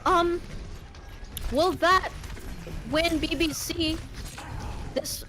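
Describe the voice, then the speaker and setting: A woman's voice: very high voice, fairly even intonation, drawn-out words, sharp tone. A woman casting a live esports match, with playful, giggly banter between calls. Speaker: esports caster.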